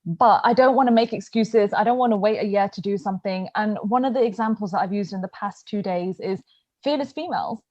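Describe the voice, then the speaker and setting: A woman's voice: medium pitch, a little fast, a little mellow, dry recording, dull audio. A woman hosting a podcast, chatting candidly and telling her own story, sometimes acting out what she said to herself. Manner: candid, storytelling with acted self-quotes. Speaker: podcast host. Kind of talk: casual podcast chat.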